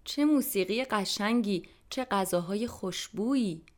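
In a scripted language-lesson dialogue, a woman with a natural, medium-pitched voice plays Tom, a friendly adult man attending dinner as a guest. He comes across as polite, appreciative and pleased.

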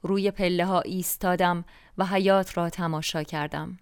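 An older woman from Iran reads her own memoir aloud, slow and wistful. Her voice sits fairly low and sounds very smooth and resonant. The recording is close and dry, with no room sound. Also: steady tone, no echo. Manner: slow, wistful, reflective reading. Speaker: narrator. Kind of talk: reading a personal memoir.

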